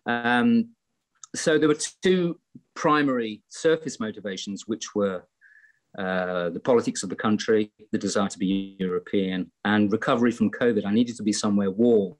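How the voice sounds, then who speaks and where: Middle-aged English guest on a laptop call, low voice, thoughtful and meandering, lots of ums. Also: male voice, normal speed. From England. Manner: reflective, rambling with frequent fillers and restarts. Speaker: guest musician. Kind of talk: casual interview chat. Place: home room in Greece, indoors. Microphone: laptop webcam on a video call.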